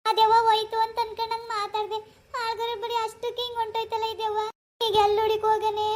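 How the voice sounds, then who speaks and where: A woman voicing a self-pitying, sharp-tongued village wife in a cartoon, lamenting and scolding. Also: very high-pitched, a little hiss or hum. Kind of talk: Kannada cartoon voice acting.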